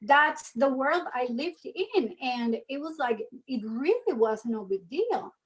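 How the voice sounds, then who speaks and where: Speaking slowly in a high-pitched voice, a thirtysomething woman from Venezuela shares animated, heartfelt stories as a guest and mission ambassador in a relaxed interview. The recording quality is low.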